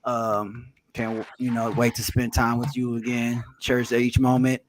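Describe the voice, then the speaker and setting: A man joking and giving shout-outs on a casual sports podcast, laughing often. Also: mid-range voice, monotone, moderate pace, a little hiss or hum. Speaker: podcast co-host.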